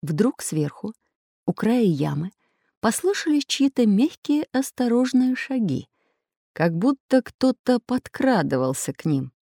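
A woman's voice: fairly high pitch, measured pace, dry recording. Woman narrator for a children's audiobook, dry close sound. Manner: expressive storytelling.

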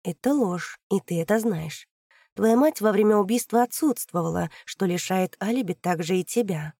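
A woman reading an audiobook, voicing a fearless female investigator who argues in a calm, methodical way. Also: medium pitch, normal speed, no room sound, clean studio sound. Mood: pressing.

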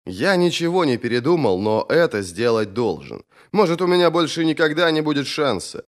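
A man's voice: on the high side, sing-song, normal speed, voice pushed up. A man reading an audiobook, voicing an awkward, earnest young man in training as a warrior, hesitant and sheepish. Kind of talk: audiobook character voice.

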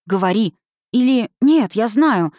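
A woman's voice: a little high, lively intonation, measured pace, a little mellow, dry recording, clean studio sound, pitched above the performer's own voice. A woman reading an audiobook, voicing an accusing, menacing witch who snarls and hisses. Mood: demanding, furious. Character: bitter, menacing witch, woman, middle-aged.

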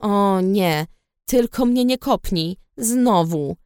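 A woman's voice: medium pitch, expressive, slow pace, a little mellow, clear, resonant tone, no room sound. A mocking young man in a storybook reading, voiced by a woman. He teases with a sly, sarcastic edge. The recording is close and dry. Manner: sarcastic, teasing.

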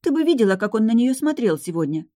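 A woman's voice: sing-song, fast talker, warm tone, dry recording, clean studio sound. A woman reading the part of an indignant young noble girl, raising her voice in protest. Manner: high, protesting, emphatic.

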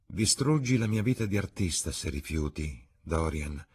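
A man voicing a rueful, husky-voiced painter. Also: deep voice, lively intonation, moderate pace. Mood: earnest. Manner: earnest, rueful tone. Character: earnest, melancholy grown male painter.

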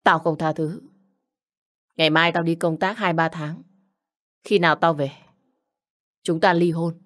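A woman reading a storybook, voicing an angry, jealous young husband who shouts insults and accusations. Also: low-pitched, fairly even intonation, a little slow. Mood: furious. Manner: shouting insults, coarse and bullying.

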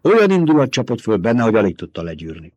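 A man narrating an audiobook with an expressive, dramatic reading. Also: lowish voice, no room sound.

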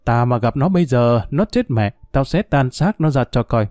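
A bitter older woman, drunk and cursing, drawls her grievances in a slow, coarse grumble, voiced by a male reader. The sound is dry and close, in a storybook reading. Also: mid-range voice, lively intonation, darkish tone, no room sound, natural voice. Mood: resentful.

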